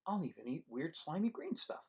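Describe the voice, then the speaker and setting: A man reading a picture book aloud as an eager young boy who dreams of outer space, in a wide-eyed, excited storybook voice. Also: a little high, a little fast, vocal fry, husky, pitched above the performer's own voice, heavily acted.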